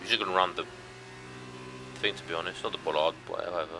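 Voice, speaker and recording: A man with a lowish voice calls an online race in a relaxed, chatty way, breaking into excited rises when cars battle. Clear game engine noise runs beneath him. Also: fast. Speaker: race commentator. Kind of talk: casual live race commentary.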